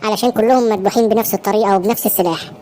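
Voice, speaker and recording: Anxious young Egyptian man, voiced by a woman, fast and a bit high, faint noise. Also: steady tone, dark tone, natural voice. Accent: Egyptian Arabic. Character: gentle young man, anxious for his family. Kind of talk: Egyptian cartoon dub acting.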